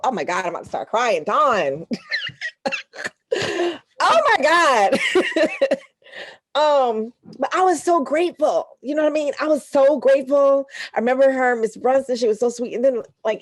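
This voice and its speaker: A woman broadcaster speaks as a podcast guest in an earnest, animated voice that sits a little high. Her stories come in a heartfelt, conversational flow and she laughs easily. The recording is dry and close, with no room sound. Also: dry recording.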